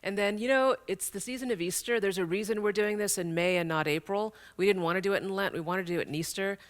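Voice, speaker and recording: A man with a high-pitched voice closes the event for the church. He is affable and informal, with a pastoral warmth in how he frames things. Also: quick pace. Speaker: church host. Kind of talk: closing announcements.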